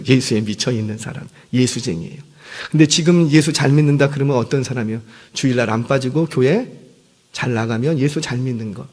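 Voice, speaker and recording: A man's voice: mid-range voice, fairly quick. A pastor in his fifties preaching a sermon in a church. He talks in a conversational way, tells stories with energy and often stops to apologize. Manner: conversational, animated storytelling with self-deprecating apologies. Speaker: senior pastor. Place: church sanctuary. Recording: long hall reverb.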